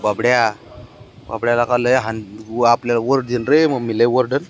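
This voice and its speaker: A man outdoors coaxes his cat along in fond baby talk, gently scolding it now and then. His voice sits at an ordinary middle pitch. A faint hum of outdoor ambience stays behind him. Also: level tone, moderate pace. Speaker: vlogger walking his pet cat. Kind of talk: casual talk to a pet. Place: outdoors, in sun and shade.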